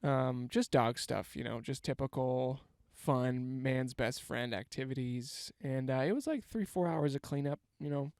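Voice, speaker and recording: A man's voice: mid-range voice, measured pace, creaky, hardly any pauses, a little mellow, no echo. Stuffy-nosed man hosting a rambling podcast. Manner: rambling, self-mocking jokes. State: stuffy, congested from a cold. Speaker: podcast host. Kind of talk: casual comedic monologue. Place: inside a parked van. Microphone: handheld microphone.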